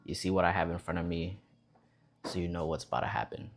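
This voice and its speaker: A deep-voiced young man rambles easily through stories while eating at home. His talk is casual and unhurried, like a laid-back vlog. Faint noise and the clink of dishes sit behind him. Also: vocal fry. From Vietnam. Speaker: vlogger.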